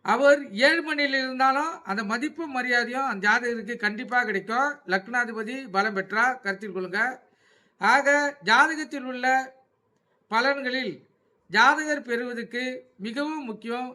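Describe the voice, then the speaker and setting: A man giving an astrology lecture, speaking in measured phrases and often dropping his voice for a repeated reminder to take note. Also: pushed and bright. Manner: measured, repeats a low-pitched refrain telling listeners to take note.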